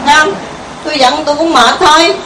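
A woman's voice: high voice, steady tone, fairly quick. A woman with a Southern Vietnamese accent giving an informal Buddhist meditation talk to a group, conversational and often asking her listeners questions. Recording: echoey room, mic far off, faint hiss.

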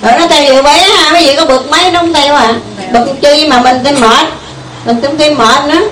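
A woman's voice: high-pitched, a little fast, fairly bright tone. A woman with a Southern Vietnamese accent giving an informal Buddhist meditation talk to a group, conversational and often asking her listeners questions. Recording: echoey room, mic far off, faint hiss.

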